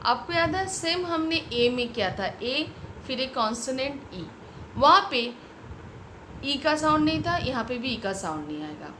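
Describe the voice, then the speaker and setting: A woman teacher with an Indian English accent, slowly sounding out words in a phonics lesson for small children, switching between Hindi and English. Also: sits high, very animated, pushed and bright, a little hiss or hum, rough recording. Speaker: kindergarten teacher.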